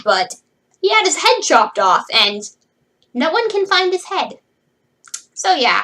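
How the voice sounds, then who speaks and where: A young woman reviewing a fantasy novel in a chatty, animated way, full of asides and "like"s. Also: on the high side, poor audio. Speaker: book reviewer. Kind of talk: casual book review vlog.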